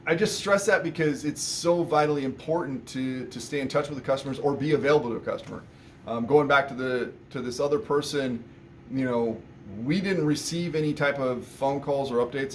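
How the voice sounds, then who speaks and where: A man's voice: mid-range voice, a little hiss or hum. Rambling man giving a shop update. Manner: rambling, conversational, many restarts and fillers. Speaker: auto repair shop owner. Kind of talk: casual shop update vlog. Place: auto repair shop.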